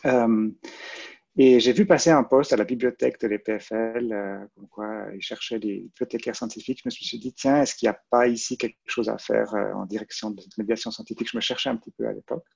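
Homme suisse hésitant, voix grave éraillée. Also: male voice, lowish voice, steady tone, fairly quick, vocal fry, a little mellow, slightly rough. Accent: Swiss French, Vaud. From Switzerland. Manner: hesitant, many fillers and restarts. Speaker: guest, librarian and photographer. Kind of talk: casual interview answers. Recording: muffled, lo-fi.

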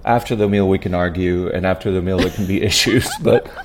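A man with a very deep, low voice, speaking as a preacher on a podcast. He tells personal stories earnestly and reflectively, checking in with a frequent "right?". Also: steady tone, brisk, background noise. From Puerto Rico. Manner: earnest, with tag questions like "right?". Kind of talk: reflective personal storytelling in an interview.

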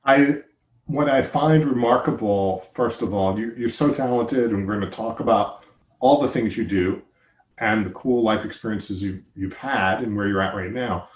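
This fairly low-pitched American man hosts a podcast at a moderate pace, sounding upbeat and talkative. Plenty of "uh" fillers slip in while he handles a relaxed interview and voices his own ad reads.

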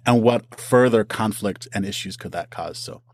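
A man who writes audio dramas speaks casually as an interview guest, self-deprecating and good-humoured. His voice is lowish and his speed normal.

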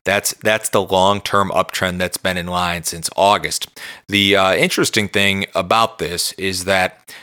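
A man's voice: low voice, steady tone, a little slow, bright, forceful tone, clean tone, no room sound, studio quality. A man hosting a podcast, giving informal market chart commentary in a conversational, loosely phrased way. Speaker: podcast host and market analyst.

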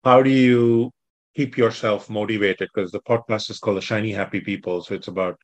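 A man hosting a podcast interview, enthusiastic and quick to repeat praise. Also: fairly low pitch, fairly even intonation, no room sound, highs cut off. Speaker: podcast host.

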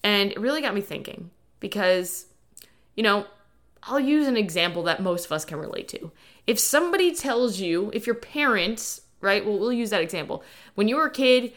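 Bright, forceful woman podcast host. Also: medium pitch, animated, moderate pace. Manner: informal, lightly sweary, addresses listeners as guys. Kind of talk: casual motivational solo podcast talk. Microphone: dedicated podcast microphone.

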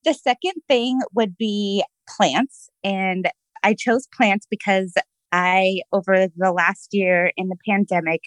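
A woman's voice: medium pitch, steady tone, slow, no echo, low-quality recording. A woman guest chatting casually, cheerful and positive, laughing often as she talks. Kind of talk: casual interview chat.

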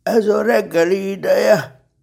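A man's voice: high voice, gravelly, breathy edge, voice pushed up, heavily acted. A man voicing Winnie the Pooh, an eager bear. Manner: excited, chattering questions. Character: eager, impatient little male teddy bear. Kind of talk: storybook reading.

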